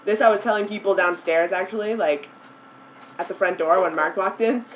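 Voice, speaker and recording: A woman's voice: mid-range voice, a little fast, a little hiss or hum, rough recording. A young woman casually telling a friend about her dream on camera, giggly and easily sidetracked, filling her talk with "like" and "anyways". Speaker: vlogger. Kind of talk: casual rambling story to a friend. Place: indoor room with friends.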